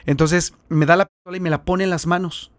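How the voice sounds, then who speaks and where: A Mexican man with a Mexican accent, a missionary guest, telling his stories in an animated way and acting out the voices. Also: high voice, fairly quick, no echo, studio quality. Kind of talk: storytelling in an interview.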